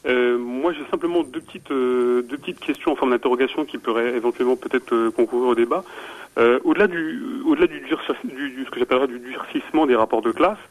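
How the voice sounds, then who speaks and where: Halting man calling in by phone. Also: mid-range voice. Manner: halting, many restarts and repeated words; earnest, intellectual questioning. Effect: caller heard over a phone line on a radio show. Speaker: radio show caller. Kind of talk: calling in to a radio debate.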